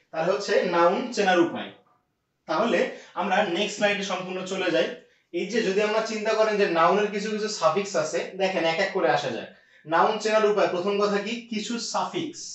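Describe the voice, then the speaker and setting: A man teaching an English grammar lesson, explaining step by step and often asking his students rhetorical questions. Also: high voice. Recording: echoey distant lo-fi room sound.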